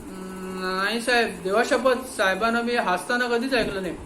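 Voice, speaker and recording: A man's voice: sits high, fairly even intonation, normal speed, sharp tone, roomy sound, faint music behind. A man voicing a timid, confused old watchman who answers meekly and hesitantly. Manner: meek, hesitant, answering 'yes sir'.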